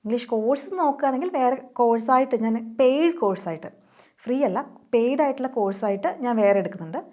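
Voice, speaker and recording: A woman's voice: on the high side, fast, mellow. A woman with a Malayali accent giving a casual spoken English lesson, explaining step by step and checking in with her learners.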